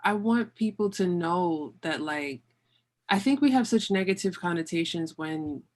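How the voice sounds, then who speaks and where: A woman's voice: lowish voice, animated, a little slow, a little mellow. A woman hosting a conversational interview, speaking emphatically and repeating phrases for stress. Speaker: podcast host, interviewer.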